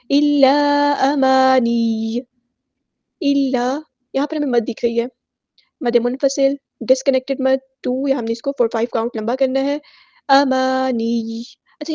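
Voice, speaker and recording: Woman, tajweed teacher, patient, step by step, warm low-brightness tone, dry muffled sound. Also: dry recording. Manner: patient, explains each rule step by step; drawn-out melodic recitation of verses. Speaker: Quran recitation teacher. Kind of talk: tajweed lesson with slow recitation.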